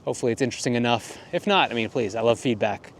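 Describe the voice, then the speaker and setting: A man's voice: mid-range voice, expressive, very fast. A man who is a landscape photographer, talking in a rambling, laid-back, self-deprecating way on a casual walk-and-talk vlog outdoors on a cold morning. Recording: wind buffeting the mic outdoors.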